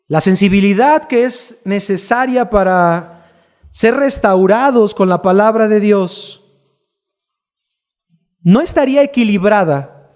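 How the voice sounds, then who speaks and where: A man preaches a sermon in a church hall. His voice sits high, and he keeps asking his listeners rhetorical questions. The sound carries a long hall reverb. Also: darkish tone. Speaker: pastor.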